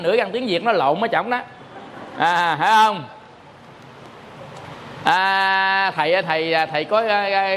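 Chatty monk, high voice. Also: male voice, sharp tone, slight background noise. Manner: chatty storytelling, repeats words, asks "hiểu không?". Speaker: Buddhist monk giving a dharma talk. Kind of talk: humorous dharma talk.

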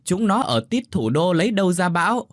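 A man voicing a loud, bossy elderly village woman who shouts and fusses at her deaf neighbor in an audio story. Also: mid-range voice, sing-song, fairly quick, no room sound, clean studio sound, voice pushed up, lightly acted. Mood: urgent shouting. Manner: shouting, urgent, scolding.

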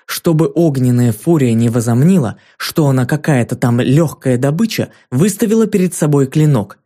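A man narrating a children's fantasy audiobook in a measured, dramatic storytelling manner. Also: mid-range voice, expressive, mellow. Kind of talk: scripted narration.

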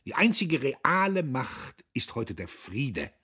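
A man's voice: medium pitch, sing-song, takes it slowly, bright, forceful tone, husky, voice pushed up, heavily acted. A man reading an audiobook, voicing a drunk, sentimental older liberal who declaims grandly. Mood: heated rhetoric. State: tipsy.

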